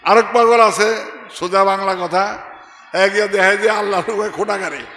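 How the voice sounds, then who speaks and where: Preacher guy, high tense voice, loud then soft, echoey hall. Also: moderate pace, faint music behind. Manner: sing-song, emphatic, shifts between shouting and murmuring. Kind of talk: Bengali religious sermon, storytelling with quoted voices.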